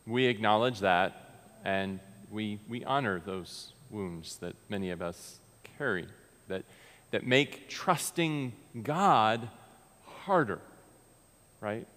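An American pastor in his thirties delivers a sermon from the pulpit of a large church sanctuary, earnest and conversational, often restarting his sentences. His voice sits fairly low, slow and expressive with a slight brightness. The pulpit mic is picked up by a distant camera, and the room adds a long church reverb.

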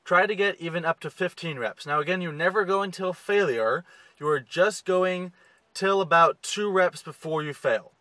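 A man in his twenties giving steady, step-by-step fitness instructions to the camera from inside a car. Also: sits high, normal speed, no room sound, low-quality recording. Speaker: fitness coach. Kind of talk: direct-to-camera fitness tips. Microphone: camera close to the face.

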